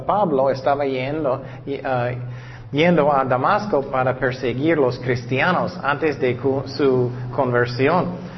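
A man preaching a sermon, reading scripture slowly and deliberately, with hesitant pauses and frequent fillers. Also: a little high. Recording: dull recording with long reverb.

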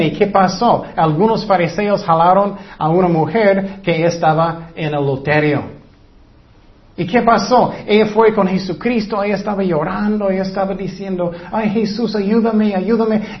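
A man preaching a sermon in an expressive way, acting out voices in his stories, with slightly non-native phrasing. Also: sits high. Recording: dull lo-fi sound.

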